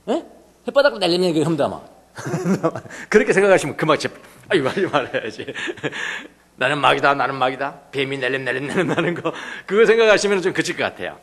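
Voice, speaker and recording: Male pastor, sermon, bit high voice, very lively pitch, storyteller, quiet asides. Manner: laughs often while preaching.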